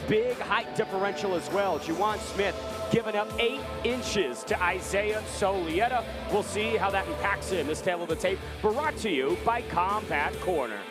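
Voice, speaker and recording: A man with a high voice calls a live fight as play-by-play commentator. His delivery is polished and broadcast-ready, with music playing clearly behind him. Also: normal speed.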